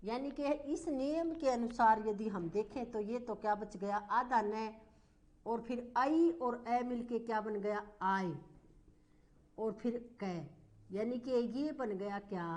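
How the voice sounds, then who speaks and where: Woman teacher, slow and deliberate, fairly high voice, quizzing the class. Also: darkish tone. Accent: Hindi. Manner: slow, repetitive, asks the class questions. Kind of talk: grammar lesson at a board.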